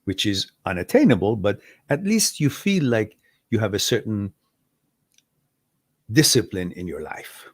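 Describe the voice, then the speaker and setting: This lowish-voiced man hosts a live question-and-answer stream with no echo. Reading out messages from viewers, he thoughtfully works through his ideas step by step, repeating himself as he builds them, and laughs softly at mix-ups.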